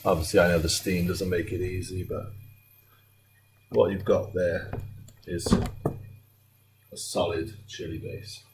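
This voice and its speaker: A man's voice: low-pitched, little pitch movement, measured pace, pauses often. A British man presenting a recipe in a laid-back, jokey, chatty way, like a casual cooking tutorial. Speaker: home cook presenting a recipe. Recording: roomy, distant mic, faint noise.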